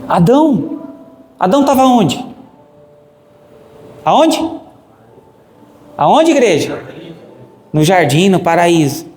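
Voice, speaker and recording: High-voiced Brazilian pastor preaching in echoey church. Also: male voice, big pitch swings, slow, pauses often, darkish tone. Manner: emphatic, asks the congregation questions. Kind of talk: sermon. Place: church hall. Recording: echoey church hall with long reverb and faint noise.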